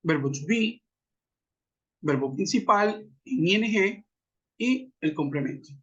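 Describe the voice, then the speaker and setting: Male English teacher, unhurried and methodical delivery, lo-fi web conference audio. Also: high voice, animated, a bit bright, slightly rough. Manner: methodical, spells out letters and rhetorical questions. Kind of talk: online grammar lesson. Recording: dull lo-fi web call audio.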